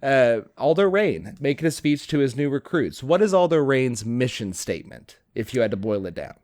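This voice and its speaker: A man's voice: mid-range voice, big pitch swings, normal speed, darkish tone, dry recording, clean studio sound. A man co-hosting a podcast, recapping a film plot in casual chat with a wry, profane humor. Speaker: podcast co-host.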